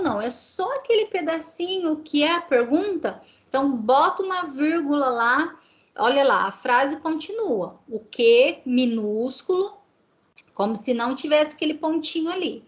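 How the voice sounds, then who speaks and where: Brazilian woman teaching Spanish grammar. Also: high-pitched. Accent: Brazilian Portuguese. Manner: explanatory, checks understanding often. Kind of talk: online class teaching.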